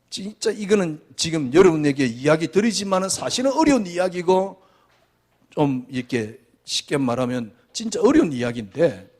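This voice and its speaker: A male pastor delivering a sermon in a high voice that leaps up and down with great animation. He preaches with emphasis, posing rhetorical question after question. His delivery swings from near-shouts to hushed tones. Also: breathy edge.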